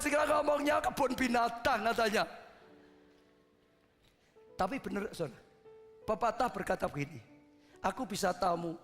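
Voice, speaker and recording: A man preaching a sermon with passion, swinging from loud peaks to hushed asides. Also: sits high, in a large hall. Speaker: pastor.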